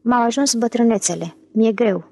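A woman's voice: a little high, creaky, darkish tone, no echo. A woman voicing a fearful, wheedling aging male swindler in an audiobook. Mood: fretful.

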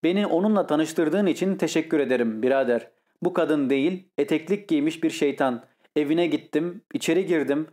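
Scornful blustery brother, read by a man, scolding, fairly high voice, audiobook. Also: a little fast, hardly any pauses, darkish tone, lightly acted. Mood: amused. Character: indignant blustering older brother, landowner. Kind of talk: audiobook character reading.

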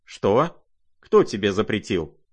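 A man voicing an irate, imperious older noblewoman who scolds in shrill, impatient outbursts. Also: sing-song, slow, full character voice. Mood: scolding.

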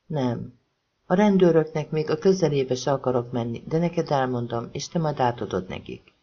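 A woman's voice: very deep voice, animated, heavily acted. A man reading a woman who fakes a thin, trembling voice, breathless and pleading, in a slightly dull audiobook recording. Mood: fake panic.

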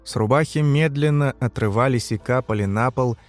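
A man reading a story aloud in measured, scripted narration. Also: medium pitch, soft background music. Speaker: audiobook narrator.

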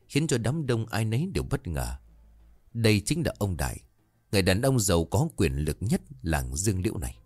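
A man narrating a scripted ghost story in an expressive, dramatic way. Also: lowish voice, no echo.

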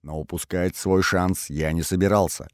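Deep-voiced man reading an audiobook. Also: fairly even intonation, moderate pace, clean tone, no echo, studio quality. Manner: wry, ironic storytelling. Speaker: audiobook narrator. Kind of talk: first-person audiobook narration.

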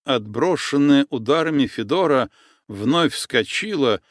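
A male narrator reading an audiobook with expressive, lively intonation and an unhurried pace. His voice is in a middle register. The recording is dry and close, with no room sound. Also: medium pitch, dry recording. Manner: expressive storytelling.

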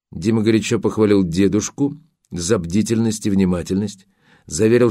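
A man reads an audiobook in a measured, steady way. His voice sits low, and the sound is dry and close, with no room echo. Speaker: audiobook narrator. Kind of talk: scripted audiobook narration.

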